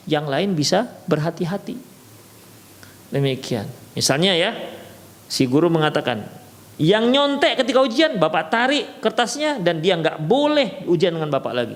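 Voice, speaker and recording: A male religious teacher with a Medan Indonesian accent lectures at an unhurried pace, leaning on fillers and reading Arabic passages before putting them into plain words. His voice sits on the higher side and swings widely in pitch. A long reverb trails each phrase, as in a large hall. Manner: explains slowly with many fillers, reads Arabic text then translates; raises his voice sharply when acting out a scolding teacher.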